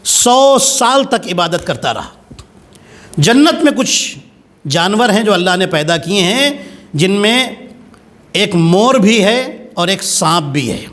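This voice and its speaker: High-voiced dramatic preacher. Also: male voice, sing-song, fairly bright tone. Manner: dramatic storyteller with big pitch swings. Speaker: cleric. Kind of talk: religious sermon storytelling.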